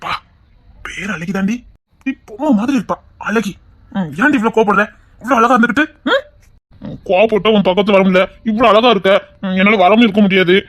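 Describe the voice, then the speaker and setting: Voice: medium pitch, fairly quick, fairly bright tone, no echo, clean studio sound, lightly acted. A performer playing a doting young husband who pleads with and sweet-talks his sulking wife, with a Tirunelveli Tamil accent. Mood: teasing. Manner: pleading, sweet-talking, teasing with pet names. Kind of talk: audio drama acting.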